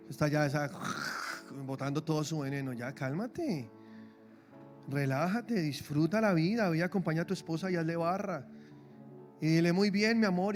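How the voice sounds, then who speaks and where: Pastor de voz aguda y animada. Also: male voice, on the high side. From Colombia. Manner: lively, humorous, acts out quoted voices. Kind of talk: sermon. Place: church.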